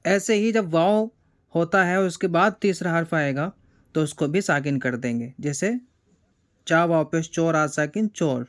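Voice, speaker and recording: A man from India teaching reading, spelling words out letter by letter in a slow, deliberate way. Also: fairly high pitch.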